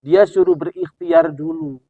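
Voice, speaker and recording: A man's voice: extremely high pitch, big pitch swings, a little slow, vocal fry, mellow, no room sound, voice pushed up, exaggerated voice. A man voicing a humble sickness spirit. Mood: deferential. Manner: deferential, explaining plainly. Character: a sickness spirit, humble, sent to test faith. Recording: dull, dry recording.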